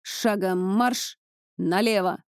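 A woman's voice: mid-range voice, takes it slowly, clear, resonant tone, no echo, studio quality. A woman reading an audiobook, voicing a strict young male drill instructor who barks commands. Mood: commanding. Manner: barking commands.

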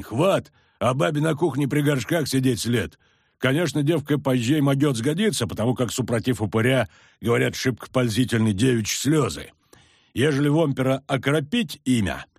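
A man voicing a hostile, bristly peasant man who shouts in rough rustic speech, read in an audiobook. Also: mid-range voice, no echo, studio quality, pitched above the performer's own voice.

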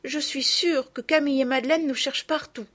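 A gentle little girl speaks up high and anxious, trying to sound brave, as a woman voices her in a storybook reading. Her voice lifts well above the narrator's own tone. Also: fairly even intonation, brisk. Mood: worried. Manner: worried and pleading.

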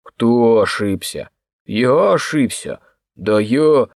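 A man voicing a big, drunk young man who swings between bluster and tears, in a slow, slurred drawl. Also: medium pitch, lively intonation, no echo, studio quality. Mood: drunken bluster. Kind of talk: audiobook character voice.

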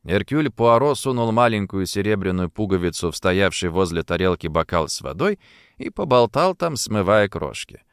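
Man reading an audiobook, really lively pitch, dry close sound. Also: normal speed, clean tone, no room sound. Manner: expressive, varied. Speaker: audiobook narrator. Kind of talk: expressive audiobook narration.

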